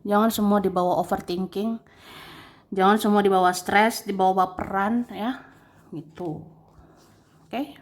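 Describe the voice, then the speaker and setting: Woman tarot reader, casual advice talk, slow delivery, gentle and chatty with small laughs. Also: medium pitch, fairly even intonation. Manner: chatty, gently advising, tags sentences with "ya"; laughs between phrases.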